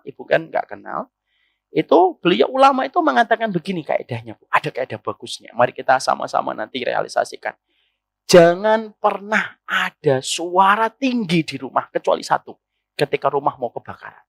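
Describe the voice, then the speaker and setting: A male Islamic preacher giving a sermon to women, animated and teasing, asking rhetorical questions. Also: high voice, creaky, no echo.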